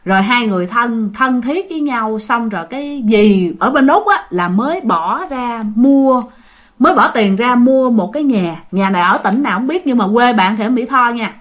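A woman's voice: a little high, lively intonation, moderate pace. A woman casually telling a ghost story, chatting to her listeners and often repeating her words.

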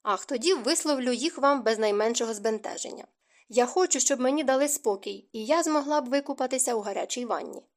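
A woman's voice: fairly high pitch, fairly quick, close to an everyday voice. A woman narrator voicing a wry, curt young noblewoman in an audiobook. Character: young noblewoman, mocking and tired. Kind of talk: audiobook character reading.

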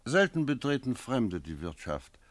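A brooding village innkeeper, played by an actor in a radio play, looks back on his memories with measured, lyrical solemnity. His medium-pitched voice is very animated and has no echo.

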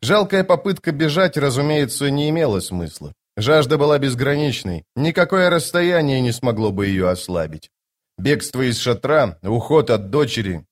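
A man narrating a fantasy audiobook from a home recording setup. His reading is measured and even, with a mid-pitched voice typical for a man.

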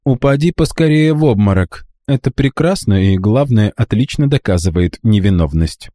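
A man's voice: lowish voice, animated, moderate pace, warm tone, no room sound, clean studio sound, close to an everyday voice. A man voicing a cheeky, cold-blooded young street boy with a mocking, calculating manner, in an audiobook. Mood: cocky. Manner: cocky, mocking, coolly calculating.

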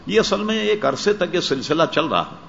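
A man's voice: a little high, sing-song, creaky, a bit bright, a little hiss or hum. Man scholar explaining in a dull, lo-fi recording. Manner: patient, explanatory, checks understanding; corrects word pronunciation. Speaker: Islamic scholar answering questions. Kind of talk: explaining in a question-and-answer session.

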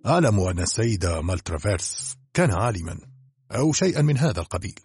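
A brusque, dismissive older country doctor, sure of himself, played by a man. His voice is deep and husky, with music faintly underneath in this audiobook drama. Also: very animated, quick pace, darkish tone, no room sound, heavily acted. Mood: curt. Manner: brusque, self-assured.

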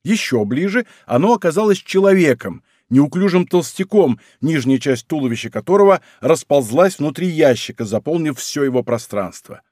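Man reading a novel with lively intonation. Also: fairly high pitch, moderate pace, hardly any pauses, dry recording, clean studio sound. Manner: expressive storytelling. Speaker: audiobook narrator. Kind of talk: scripted narration.

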